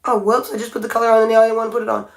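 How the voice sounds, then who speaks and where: Racing through her words in a high, gravelly voice with a completely flat delivery, this nail art livestreamer chats casually at home by a window. She paints her nails while thinking aloud, frequently restarting sentences.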